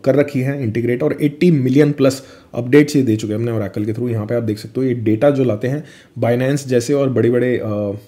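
A man's voice: mid-range voice, fairly even intonation, moderate pace, dark tone. A young man, chatty and casual, walking viewers through crypto charts in a vlog and calling the listener his friend. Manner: chatty Hinglish, addresses viewers as friend, fillers. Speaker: crypto vlogger. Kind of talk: screen-share chart walkthrough.

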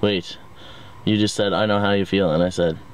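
Young dude vlogging, kinda low voice, rambly and jokey. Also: male voice, steady tone, normal speed, smooth, rough recording. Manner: rambling, self-deprecating, jokey. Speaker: vlogger host. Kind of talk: casual vlog chat.

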